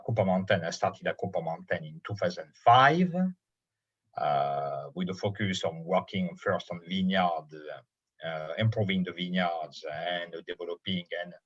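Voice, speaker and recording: A middle-aged or older man from Bordeaux with a French accent, giving an informal presentation as a winemaker in halting non-native English phrasing. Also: low-pitched, slightly rough, lo-fi sound. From Bordeaux, France. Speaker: winemaker presenting his estate's wine.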